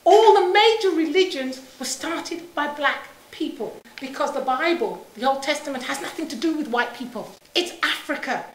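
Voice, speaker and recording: A middle-aged woman from Saint Kitts speaks publicly with passion and emphasis. Her voice sits high, and she drives points home through repetition and rhetorical questions. The room adds a noticeable echo. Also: animated, moderate pace, hardly any pauses, a little hiss or hum. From Saint Kitts in the Caribbean, moved to England aged seven. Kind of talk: impassioned public talk. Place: indoor room, speaking to an audience. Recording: roomy, echoing live talk.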